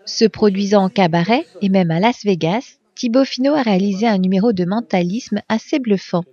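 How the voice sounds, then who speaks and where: A woman's voice: mid-range voice, a little fast, dark tone, breathy edge. A woman reading scripted voice-over narration for a local report. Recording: dull lo-fi voice-over.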